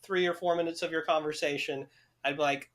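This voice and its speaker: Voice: medium pitch, fairly even intonation, a little fast. A podcast co-host in casual comedy chat, rambling and swearing as they spin out imagined scenarios.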